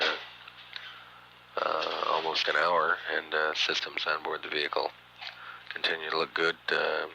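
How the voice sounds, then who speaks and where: A man giving matter-of-fact mission control status commentary, halting often with uhs and pauses, on an archival radio feed. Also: extremely low pitch, vocal fry, sharp tone, slight background noise, rough recording. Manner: halting, hesitant delivery with frequent uhs and pauses. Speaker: mission control announcer, public affairs commentator. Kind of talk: spaceflight status commentary, partly improvised.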